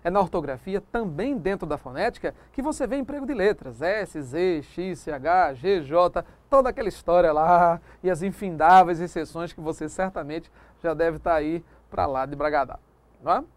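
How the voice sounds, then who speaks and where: A male teacher giving a recorded grammar lecture, lively and emphatic, dragging out example words and adding chatty asides to the viewer. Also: fairly high pitch, moderate pace, no echo.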